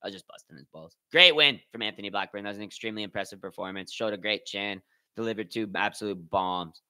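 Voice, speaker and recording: A man's voice: on the low side, quick pace, bright, forceful tone, clear, resonant tone. A man hosting a live watch-party stream, commenting casually in loose slang and reading out and answering his chat.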